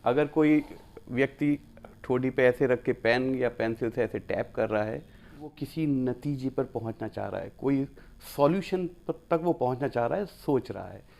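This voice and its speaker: Male teacher, mid pitch, clear step-by-step lecture delivery that acts out examples. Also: moderate pace, darkish tone. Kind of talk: classroom lecture.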